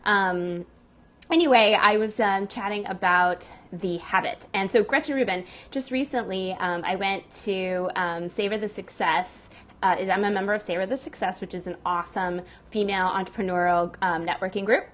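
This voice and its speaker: A woman's voice: mid-range voice, fairly even intonation, moderate pace, a bit bright. Chatty Southern Californian woman livestreaming. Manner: chatty, rambling, many fillers, reads viewer comments. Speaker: livestream host. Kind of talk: casual livestream chat. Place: Pilates studio.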